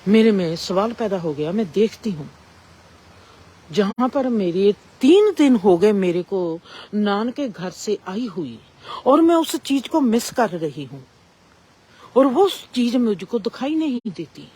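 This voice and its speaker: Slow, husky woman. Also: medium pitch, big pitch swings, dark tone. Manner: slow, measured, with long pauses. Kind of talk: reflective spiritual storytelling.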